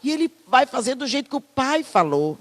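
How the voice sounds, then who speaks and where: A woman pastor with a Brazilian Portuguese accent, preaching a sermon in a lively, conversational way with many asides. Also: sits high, brisk, big-room sound. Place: church hall.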